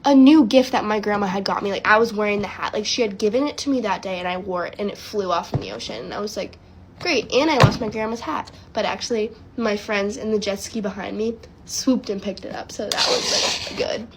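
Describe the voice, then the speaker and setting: A young woman telling a storytime tale in a casual, animated way, with lots of "like". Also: mid-range voice, fairly quick, hardly any pauses, very noisy.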